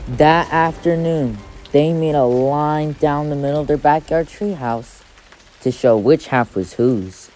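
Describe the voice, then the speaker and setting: Low-pitched woman reading a children's storybook. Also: measured pace, warm tone, soft background music. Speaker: audiobook reader.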